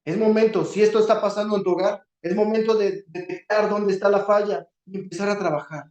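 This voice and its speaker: A man in his thirties giving a sermon on a Torah portion, earnest and pleading, often dropping to a soft voice for emphasis. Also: sits high, fairly even intonation, a little fast, echoey room. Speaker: Bible teacher.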